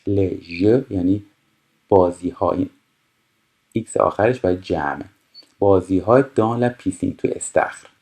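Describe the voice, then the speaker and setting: Deep-voiced man teaching French slowly. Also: darkish tone. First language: Persian. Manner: reads French phrases slowly, then explains quickly. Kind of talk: explaining a textbook lesson.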